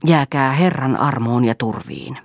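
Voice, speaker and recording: A woman reading aloud voices a pompous middle-aged male pastor, loud and monotonous. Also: a bass voice, no echo. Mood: preachy.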